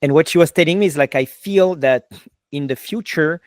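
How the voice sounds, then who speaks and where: A man's voice: fairly high pitch, normal speed, darkish tone, no echo, clean studio sound. A man with a French accent hosting a podcast interview, chatty and enthusiastic, full of "like" and "you know". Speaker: podcast host. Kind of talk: casual interview chat.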